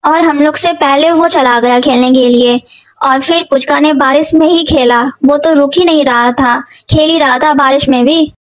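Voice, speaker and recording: A woman's voice: high-pitched, normal speed, rough recording. A young woman narrating a family birthday vlog as a casual voice-over, chatty and doting, talking straight to her viewers. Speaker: vlogger, aunt narrating a child's birthday.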